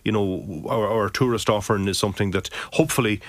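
A man, speaking as a politician in a panel discussion in a measured, conciliatory manner. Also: fairly low pitch, no echo.

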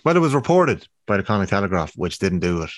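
A man's voice: low voice, big pitch swings, fast, no echo, clean studio sound. A man with an Irish accent hosting a casual sports podcast, giving a round-up.

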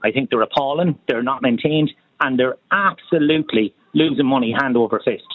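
A man's voice: medium pitch, a little fast, no room sound. An Irish-accented man giving his view conversationally as a guest in a radio interview. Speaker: restaurant owner, interview guest. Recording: tinny, narrow phone line.

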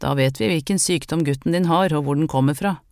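A reader doing a gruff old healer woman. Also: mid-range voice, darkish tone, dry recording, clean studio sound, close to an everyday voice. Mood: stern. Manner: gruff, matter-of-fact commands. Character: stern old woman folk healer, brusque. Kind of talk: audiobook character reading.

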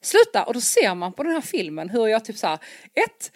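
A woman's voice: a little high, no echo, studio quality. A young woman in casual chat, telling a long story with energy and acting out the dialogue. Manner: animated, acts out quoted dialogue. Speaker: podcast co-host telling a story.

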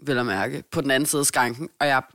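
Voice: medium pitch, dry recording, clean studio sound. A podcast co-host telling a long story in casual chat and acting out the people in it. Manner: animated, acts out the people in the story.

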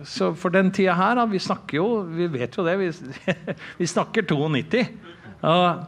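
En mann som forteller livlig. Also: male voice, high voice. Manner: lively anecdotes, swears, laughs while telling. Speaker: drummer and podcast guest. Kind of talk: casual storytelling. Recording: faint ambient noise.

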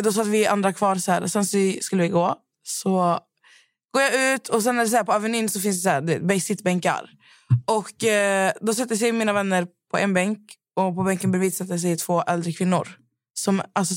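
A woman's voice: mid-range voice, dry recording, studio quality. A woman with a Swedish accent, a podcast host telling stories in casual chat and acting out what people said. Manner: animated storyteller acting out quotes.

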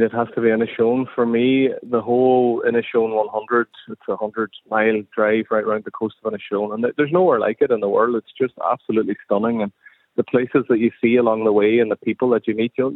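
A man's voice: lowish voice, steady tone, fast, no room sound. A man with an Irish accent, talking casually as a guest in a radio interview. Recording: dry, narrow phone line.

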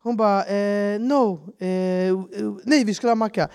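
A man's voice: sits high, clean tone. A man, telling a travel story in casual chat and acting out the people he met in broken English. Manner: animated, acts out quotes in broken English. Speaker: podcast host.

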